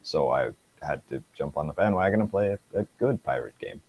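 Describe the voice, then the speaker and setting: A man's voice: very deep voice, expressive, fairly quick, darkish tone, slight background noise. A man in casual gaming chat, laid-back with dry remarks. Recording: dull dry lo-fi mic.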